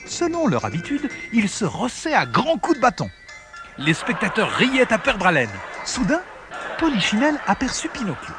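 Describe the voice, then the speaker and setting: A man reading a children's storybook aloud as narrator, in an expressive, animated way. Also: sits high, normal speed, music in the background.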